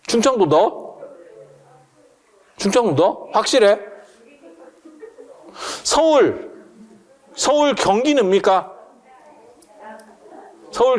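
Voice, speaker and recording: A man's voice: sits high, big pitch swings, takes it slowly, pauses often. A man giving a casual Buddhist dharma talk, joking and asking the audience questions as he explains customs. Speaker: Buddhist monk lecturer. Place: temple hall with listeners.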